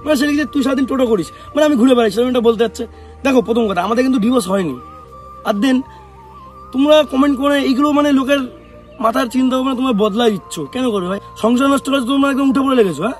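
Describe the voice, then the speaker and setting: A young man from West Bengal talks fast to his camera and answers the comments people have left about him. His voice sits very high for a man, and he keeps firing rhetorical questions back at his critics. A faint music bed runs under his talk. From West Bengal, India. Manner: defensive, rhetorical questions, calls viewers bhai. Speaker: vlogger.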